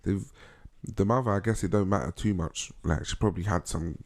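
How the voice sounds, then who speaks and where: A young English man chatting on a podcast in a wry, halting way with dry humor. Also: low-pitched, dry recording. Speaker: podcast co-host. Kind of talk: casual uncensored chat.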